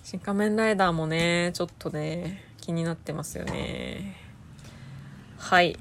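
A woman co-hosting a casual talk podcast, chatting in a lively, giggly way and jumping high when excited. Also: measured pace, vocal fry, a little hiss or hum. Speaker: podcast co-host. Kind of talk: casual chat.

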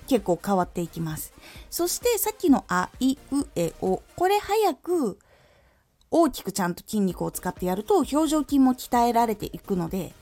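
A woman who used to be a voice actor hosts an audio stream and teaches diction, demonstrating each vowel clearly. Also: mid-range voice. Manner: lively teacherly delivery with clear articulation demos. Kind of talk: instructional talk on diction.

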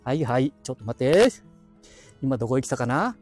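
A man with an Aichi dialect, streaming live while walking quiet residential streets, chatting to himself with chuckling asides on a hand-held phone. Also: mid-range voice, very animated, fairly quick, soft background music. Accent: Aichi (Nagoya-area dialect). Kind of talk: casual rambling walk-and-talk.

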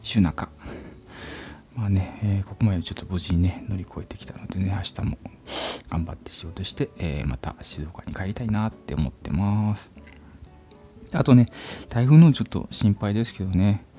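A man's voice: deep voice, lively intonation, normal speed, mellow, faint music behind. A man hosting a casual solo chat show, rambling with many fillers and sometimes dropping to a whisper. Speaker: podcast host. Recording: dull lo-fi phone recording.

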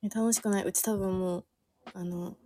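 A woman's voice: medium pitch, steady tone, moderate pace, mellow. A young woman in her twenties, a podcast guest telling a rambling, giggly story full of fillers. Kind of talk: casual chat.

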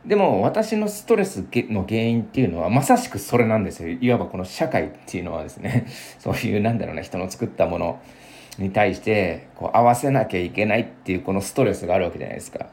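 A young man in his twenties chatting alone in a casual, rambling way, with many fillers and sudden lively bursts. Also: fairly low pitch, quick pace, a little hiss or hum. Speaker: podcast host. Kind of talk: casual solo chat.

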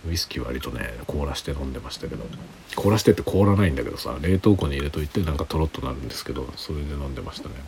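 Tipsy male streamer, very low pitch, lively intonation, quiet rambling late-night chat. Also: racing, slight background noise. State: drinking alcohol, tipsy. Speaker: livestream host.

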